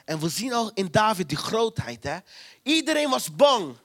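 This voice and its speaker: Man, preacher, fairly high voice, emphatic, repeats phrases, sermon. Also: very animated, normal speed, fairly bright tone. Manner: emphatic, repeats key phrases, retells scripture with quoted voices.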